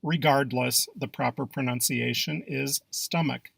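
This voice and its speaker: A man narrating a scripted English pronunciation lesson in a dry, measured way. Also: medium pitch, vocal fry, fairly bright tone.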